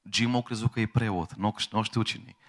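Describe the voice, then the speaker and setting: A male pastor preaching a sermon in church, quoting voices and building to loud raised passages. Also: lowish voice, fairly even intonation.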